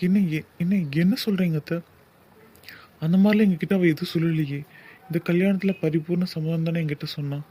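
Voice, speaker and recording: Actor as a worried, gentle father, very dark mellow voice, anxious and placating. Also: fairly high pitch, steady tone, a little fast, slight background noise, lightly acted.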